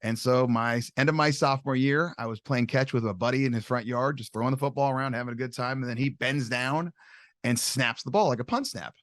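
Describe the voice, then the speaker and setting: A man in his forties spins stories from his youth at a brisk, tumbling pace, animated and loose, with an occasional swear word. His voice sits at a middle pitch and is caught close and dry on a podcast mic, with no room around it. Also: no room sound. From California. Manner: quick, animated storytelling with mild swearing. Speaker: guest, long snapping coach. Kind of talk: casual storytelling interview.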